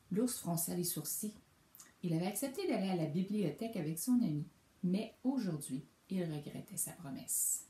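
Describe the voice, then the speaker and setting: A woman reading a children's storybook aloud, in an expressive, animated storytelling manner, recorded in an echoey room. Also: medium pitch. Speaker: reader.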